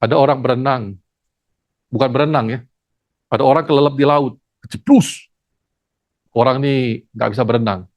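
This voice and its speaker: A theology lecturer giving a lively classroom lecture, acting out stories and asking the class questions. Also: mid-range voice, fairly quick, long pauses, no echo. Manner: animated, acts out stories, asks the class questions.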